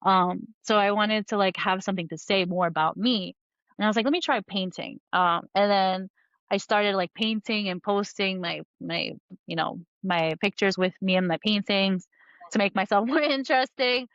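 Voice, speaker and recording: A woman's voice: medium pitch, normal speed, fairly bright tone, no echo, dull audio. A woman in her thirties, from New Jersey, sharing her life story on a podcast, talking loosely with many fillers. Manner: rambling with many fillers and laughs. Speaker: podcast guest, comic book artist. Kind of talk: casual conversational interview.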